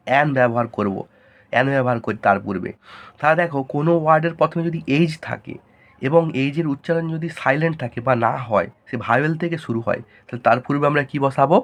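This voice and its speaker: A man teaching a grammar lesson, asking questions and answering them himself in a lower voice.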